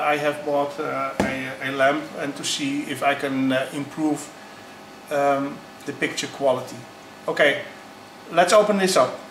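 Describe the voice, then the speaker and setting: A man starting a YouTube channel, talking in a halting, unpolished way with frequent pauses. He is recorded through the low-quality built-in mic of his camera. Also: far from the mic. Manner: halting, unpolished, pausing often. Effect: low-quality sound from a built-in camera mic. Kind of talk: casual unboxing vlog. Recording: echoey, low-quality camera audio with faint background noise.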